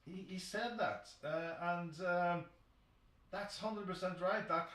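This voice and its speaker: A man hosting a football chat stream. He talks excitably, swears often, and restarts his sentences a lot. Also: sits high, slow pace, roomy sound, recorded from a distance, rough recording. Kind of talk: live football commentary chat.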